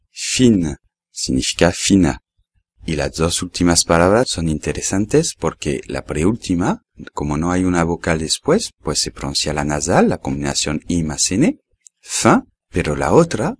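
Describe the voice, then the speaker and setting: Slow, deep-voiced man teaching pronunciation. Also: breathy edge, no room sound. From France. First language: French. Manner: patient, explains step by step and repeats words slowly. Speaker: French teacher. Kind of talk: language lesson.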